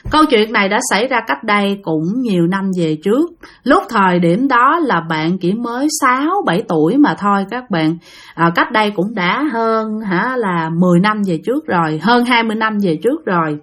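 A woman's voice: medium pitch, animated, moderate pace, a bit bright. A woman telling ghost stories in a chatty, vivid way, addressing her listeners directly. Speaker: storyteller. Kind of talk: casual spooky storytelling narration.

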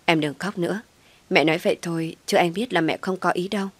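A woman's voice: fairly low pitch, fast talker, husky, dry recording. A woman voicing a devoted young man who coaxes and pleads in an audio story. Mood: coaxing pleading. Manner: coaxing, pleading.

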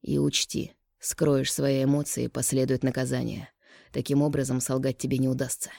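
A woman reading a stern, commanding alien man in a storybook, giving low clipped orders. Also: flat delivery, normal speed, creaky, mellow, no echo, studio quality, full character voice. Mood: cold.

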